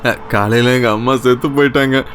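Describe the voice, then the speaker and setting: An actor dubbing a simple, grieving young stone-breaker who talks in a plain rustic way, sometimes tearful. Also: male voice, medium pitch, fairly even intonation, brisk, fairly bright tone, faint music behind, close to an everyday voice. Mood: sorrowful. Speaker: lead character. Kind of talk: Tamil film dub.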